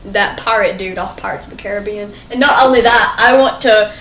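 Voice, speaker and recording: A woman's voice: mid-range voice, brisk, natural voice. A young woman putting on a smug, vain young male heartthrob in a mocking, giggly way. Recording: echoey room with loud hiss.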